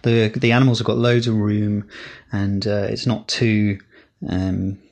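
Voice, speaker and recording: A man's voice: lowish voice, flat delivery, a little slow, vocal fry, a little mellow. A man co-hosting a podcast, chatting casually with frequent fillers and restarts. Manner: rambling, hesitant, many fillers. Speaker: podcast co-host. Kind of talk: casual chat.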